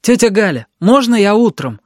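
Sensitive sulky boy, pleading tone, voiced by an adult male narrator, raised high. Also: very animated, moderate pace, a little mellow, no room sound, clean studio sound. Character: touchy sensitive young boy.

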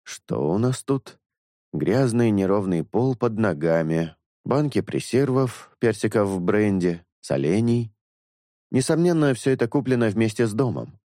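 A man reading a novel aloud as narrator, in a measured storytelling manner that slows for dramatic phrases. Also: lowish voice, lively intonation, dark tone, no echo, clean studio sound. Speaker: audiobook narrator. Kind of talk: scripted literary narration.

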